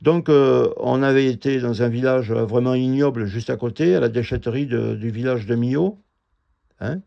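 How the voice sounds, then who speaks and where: A middle-aged man telling his own grievance in a halting, indignant ramble full of fillers and restarts. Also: mid-range voice, gravelly. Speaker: vlogger telling a personal grievance. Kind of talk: rambling first-person account. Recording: dull lo-fi audio.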